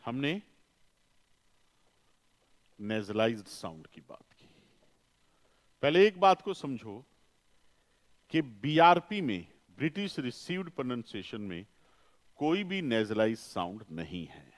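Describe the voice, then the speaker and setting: Man, phonetics lecture, animated pitch, asks and answers himself, echoey room. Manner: repeats key terms, asks questions and answers them himself; slows down for emphasis. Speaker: phonetics teacher. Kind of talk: classroom lecture. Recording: long reverb, echoey room.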